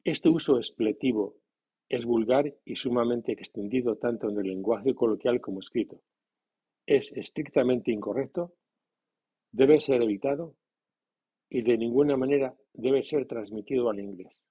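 A man teaching a grammar lesson in a measured, scripted way, reading example sentences slowly. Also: medium pitch, breathy edge. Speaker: language teacher. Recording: dull lo-fi sound.

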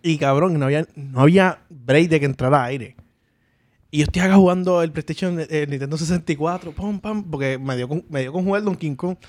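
A man's voice: on the high side, fairly quick, a little mellow, no echo. A young man co-hosting a podcast, telling stories animatedly with laughs and sound effects. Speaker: podcast co-host. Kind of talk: casual storytelling chat.

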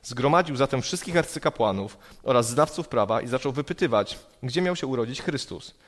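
A man's voice: mid-range voice, lively intonation, a little fast. A man preaching a sermon, earnest and emphatic, building his points through repetition. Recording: long hall reverb.

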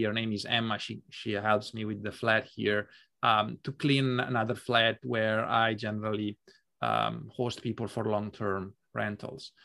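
A man's voice: fairly low pitch, gravelly, sharp tone. A man co-hosting a podcast, talking in a thoughtful, hesitant way with many fillers and restarts as he tells a personal story. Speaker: podcast co-host. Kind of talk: reflective podcast chat.

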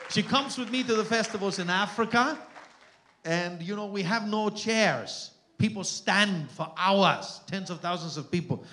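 Preaching as a guest missionary in a church hall, a middle-aged man with an Austrian German accent jokes with the crowd and calls out to them. His high, bright voice carries a forceful tone at a measured pace.

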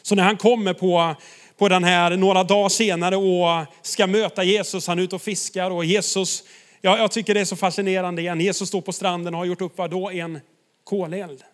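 A man's voice: high voice, flat delivery. A man preaching a sermon, retelling a story with emphasis and turning to the listeners directly.

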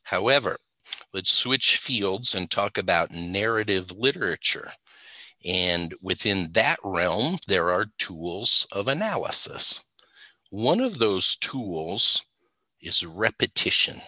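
A man's voice: low-pitched, sing-song, takes it slowly, bright, forceful tone, no room sound. A man teaching the Bible in a conversational way, emphatic and stressing points by repeating words.

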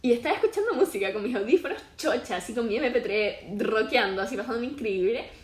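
A young woman with a Chilean Spanish accent tells funny stories in a casual chat, animatedly acting out voices as she goes. She talks fast in a fairly high voice, in an echoey room.

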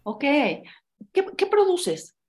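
A woman's voice: very high voice, huge pitch swings, takes it slowly, a little mellow. A woman with a Mexican accent presenting a show and interviewing in a conversational style. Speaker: program host, interviewer.

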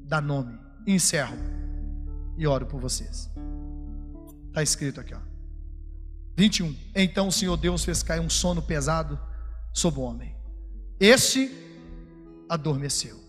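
A man preaching a sermon, swinging between shouted fervor and low, confiding talk. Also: expressive, a little slow, pauses often. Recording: music under, long hall reverb.

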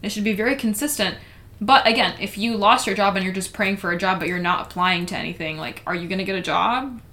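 A woman's voice: mid-range voice, fast, pushed and bright. A woman co-hosting a casual faith discussion podcast, talking earnestly and emphatically with frequent fillers. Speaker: podcast co-host.

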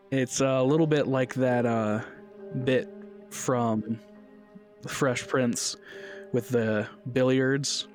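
A man narrating a tabletop game as game master in a relaxed, chatty way with many fillers. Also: medium pitch, drawn-out words, pauses often, faint music behind.

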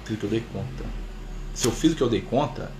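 A man's voice: mid-range voice, animated, fast, darkish tone. Brazilian guy leading a live study, chatty, keeps asking "right?", echoey room, bit of hiss. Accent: Brazilian Portuguese. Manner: conversational, frequent "né?" tags, rhetorical questions. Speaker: spiritist study leader. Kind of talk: informal live study talk. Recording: echoey room with faint noise.

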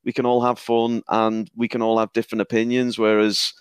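A man's voice: fairly low pitch, monotone, fairly quick, clean tone, no echo. A man with a Northern English accent hosting a podcast, chatty and casual, often repeating words as he talks. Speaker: podcast host.

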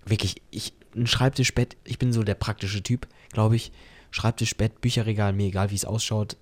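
A young man co-hosting a casual podcast chat, relaxed, with casual slang and many fillers. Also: lowish voice, moderate pace. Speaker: podcast co-host.

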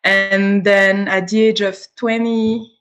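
A woman from Switzerland, a yoga teacher answering interview questions with enthusiasm and pausing to find her words. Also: mid-range voice, little pitch movement, fairly bright tone.

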